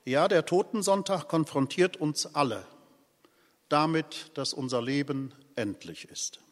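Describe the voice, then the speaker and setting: A man preaching a sermon as pastor, solemn and deliberate, his loudness rising and falling. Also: fairly high pitch. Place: church. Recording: long church reverb.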